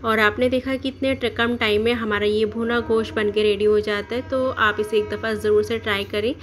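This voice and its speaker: A woman hosting a cooking channel, giving a steady step-by-step voice-over of a recipe and explaining each option as she goes. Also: fairly high pitch, normal speed.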